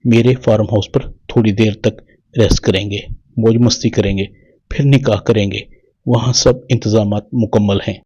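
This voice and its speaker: A vengeful, scheming young villain, read out by a man in a low, husky voice. The reading stays plain, with a dull lo-fi sound. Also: steady tone, warm tone.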